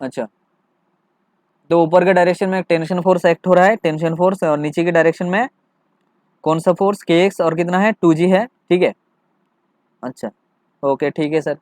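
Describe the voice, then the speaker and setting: A man's voice: high-pitched, steady tone, normal speed, pauses often, darkish tone, dry recording. A male physics teacher working through a problem for students, repeating his checks, asking rhetorical questions and mixing in English terms. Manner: mixes English terms into Hindi.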